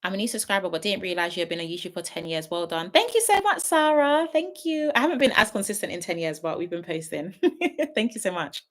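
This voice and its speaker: A woman's voice: mid-range voice, expressive, fast, fairly bright tone. Chatty woman giving frank advice. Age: 20s. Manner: chatty, gives frank big-sister advice to viewers. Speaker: YouTube host on a livestream. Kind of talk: casual livestream chat reading viewer comments.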